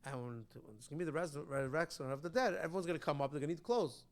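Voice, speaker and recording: A man's voice: a little high, expressive, racing, pitched below the performer's own voice. A man voicing a poor, eager tailor in a told story, with a boastful manner. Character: poor excited old-world male tailor.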